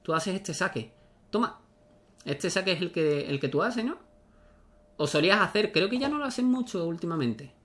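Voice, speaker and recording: A man giving excitable, casual commentary on his own gameplay, talking to himself as he plays. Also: high-pitched, moderate pace. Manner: excitable, talks to himself while playing. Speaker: gaming YouTuber.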